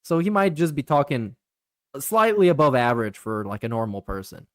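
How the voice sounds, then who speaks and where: A man co-hosting a stream, chatting casually in an animated, rambling way. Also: mid-range voice, brisk, no echo, studio quality. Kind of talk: casual chat.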